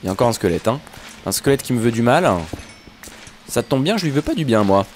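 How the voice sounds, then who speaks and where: A man's voice: medium pitch, sing-song, fast talker, a little mellow, a little hiss or hum. A man giving casual, jokey commentary over Minecraft play, talking straight to his viewers. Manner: yelps when startled. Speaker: Minecraft YouTuber.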